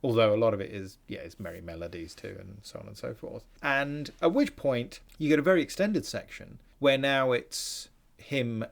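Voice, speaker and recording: A man's voice: mid-range voice, lively intonation, moderate pace, gravelly, hardly any pauses. A man hosting a podcast, talking through a film in an analytical, musing way with frequent restarts. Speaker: podcast host. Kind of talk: casual film discussion.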